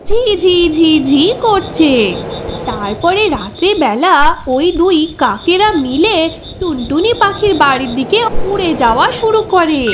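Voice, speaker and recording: A woman tells a cartoon fairy tale in a dramatic storybook manner. Her voice is high and swings lively up and down. A faint noise sits underneath. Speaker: narrator. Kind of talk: storybook narration.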